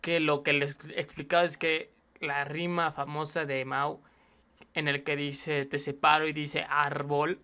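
Young male reaction host, upbeat and chatty, drops English slang, voice a bit high. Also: little pitch movement, a little slow, sharp tone, clean tone. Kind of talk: casual reaction commentary.

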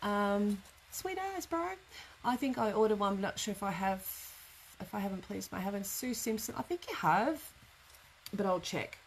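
A middle-aged woman speaks at a normal pace and medium pitch while teaching a live craft class. She chats informally and somewhat ramblingly in an indoor studio workroom, and room background noise is noticeable throughout.

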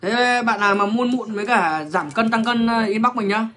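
A man's voice: sits high, normal speed, pushed and bright. A man, ranting bluntly and crudely to viewers on a livestream. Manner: crude, profane, blunt, lecturing.

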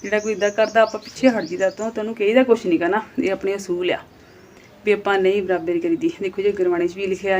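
A woman's voice: mid-range voice, a little mellow, dull audio, slight background noise. Outspoken Punjabi woman vlogger. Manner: scolding, plain-spoken, rising to emphatic. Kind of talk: casual vlog talk to viewers.

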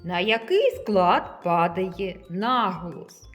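A woman teacher giving a literacy lesson to young children, pronouncing each sound slowly and clearly. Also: fairly low pitch, big pitch swings, faint music behind. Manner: slow, clear, carefully enunciated sounds for children.

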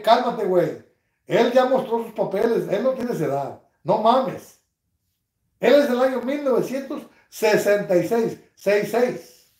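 A man, hosting a casual livestream from his couch, reading comments with crude, mocking humor and bursts of loud laughter. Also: high voice, reverberant. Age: 60s. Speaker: livestream host. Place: living room, seated on a couch at home.

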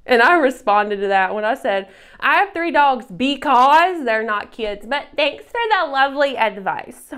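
A woman's voice: high-pitched, fairly bright tone. Sarcastic, swearing woman vlogger. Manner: sarcastic, swears freely, laughs often. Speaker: childfree YouTuber. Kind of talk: casual vlog rant reading comments.

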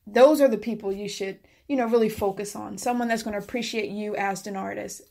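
A woman's voice: medium pitch, steady tone, brisk, gravelly, darkish tone. A woman hosting an interview, affirming her guest and adding her own encouraging thoughts in a casual chat. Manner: affirming, encouraging, frequent "yes" and "that's so good". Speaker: podcast host.

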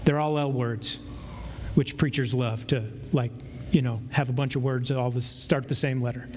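A middle-aged man preaching a sermon from a church stage, slow and emphatic with drawn-out pauses. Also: mid-range voice, fairly even intonation, a little mellow. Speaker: pastor. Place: large church sanctuary with stage. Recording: long hall reverb, faint room noise.

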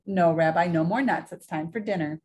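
A woman's voice: fairly low pitch, normal speed, darkish tone, husky. A woman voicing a kindly, chatty 97-year-old grandmother in a storybook reading. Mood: gentle.

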